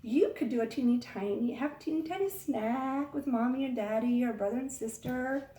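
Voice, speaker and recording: Here a teacher reads to young children at a normal pace, her slightly high, mellow voice coaxing them in a sing-song way as she asks them questions. The recording sounds echoey, captured from a microphone set far away.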